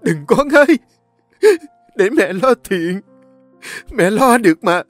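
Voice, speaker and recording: A man voicing a desperate middle-aged mother who is fierce and tearful, with a high shrill pleading voice. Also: lively intonation, moderate pace, breathy edge, no echo, soft background music.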